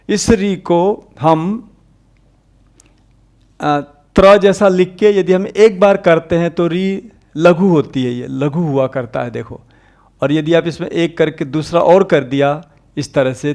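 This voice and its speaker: A man teaching an exam-prep Hindi grammar lecture, explaining patiently and repeating the sounds aloud, rising on key points and dropping low at the ends of phrases. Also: a little mellow.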